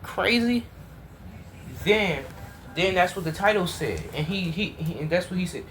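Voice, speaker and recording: A man's voice: high voice, animated, a little slow, a bit bright, faint music behind. Exasperated man reacting to a video. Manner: exasperated, repetitive, talks straight to viewers. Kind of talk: casual reaction commentary.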